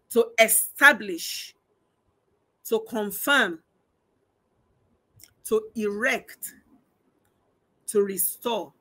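A woman's voice: mid-range voice, bright, forceful tone. A woman preaching a sermon, emphatic and repeating phrases for emphasis. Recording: online church stream.

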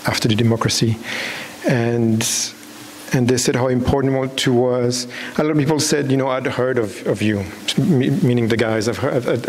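This Belgian documentary filmmaker, a man in his thirties, answers unscripted from the stage of a large dark hall before an audience, searching for words and restarting often. His voice is mid-pitched and darkish. Long reverb rings around him over a clear hiss.

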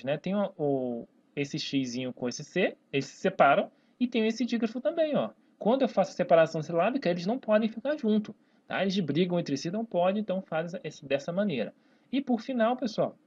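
Lively, husky Brazilian teacher, lo-fi. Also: mid-range voice. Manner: stretches words out slowly syllable by syllable, tags lines with "né?" and "tá, pessoal?". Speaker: Portuguese teacher. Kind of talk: whiteboard grammar lesson. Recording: dull lo-fi recording.

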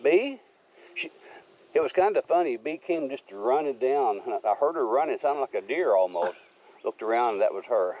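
Out on rural wooded land, a man with a mid-range, darkish voice shows off his homestead while filming on a handheld camera, talking at normal speed with expressive, folksy rambling. Crickets and insects fill the slightly dull outdoor audio.

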